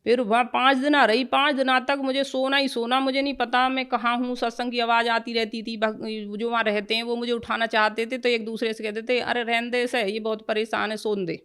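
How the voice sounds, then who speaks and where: A woman's voice: on the high side, level tone, fairly quick, hardly any pauses, fairly bright tone, smooth. A middle-aged woman giving an emotional personal testimony, rambling at times and breaking off to restart.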